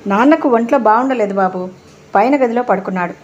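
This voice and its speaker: A woman voicing a worried older grandmother who softly coaxes and pleads with a child. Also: on the high side, fast talker, lo-fi sound, natural voice. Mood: coaxing. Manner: soft coaxing pleading.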